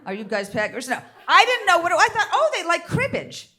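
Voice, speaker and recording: A woman's voice: extremely high pitch, huge pitch swings, fairly quick. Brash, squealing woman comic on stage. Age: older. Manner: brash, bawdy, with loud squealing outbursts. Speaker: stand-up comedian. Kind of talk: stand-up comedy set. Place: theater stage before a live audience.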